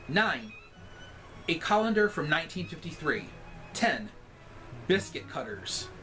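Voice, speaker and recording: A man with a sassy drag queen delivery reads a scripted comic story aloud, with deliberate, emphatic timing. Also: a little high, fairly bright tone, low-quality recording.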